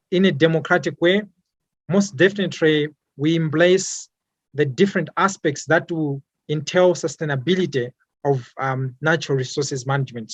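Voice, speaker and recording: A man's voice: a little high, no room sound. A young man from Malawi, an environmental activist, answering interview questions hesitantly, with many fillers and repeated words.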